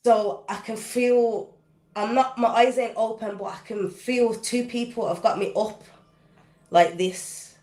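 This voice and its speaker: A woman's voice: a little high, fairly even intonation, measured pace, a little mellow, echoey room. British woman telling an intense personal story. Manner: vivid, intense retelling with casual dialect grammar. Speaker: guest recording artist. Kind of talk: emotional personal storytelling in a podcast interview.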